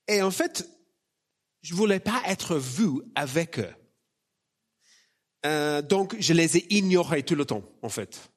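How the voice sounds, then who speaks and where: A man preaches in a fairly high male voice with an Australian accent from his native English. He takes his time, pausing and repeating words. His sermon style is conversational, informal and gently self-deprecating. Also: lively intonation. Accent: Australian accent in French.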